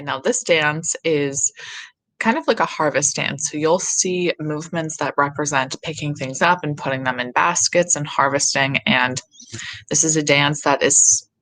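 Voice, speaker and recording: A woman's voice: deep voice, a bit bright, a little hiss or hum. A woman teacher talking to her class over a video call, friendly and self-deprecating, asking questions. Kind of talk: online class talk.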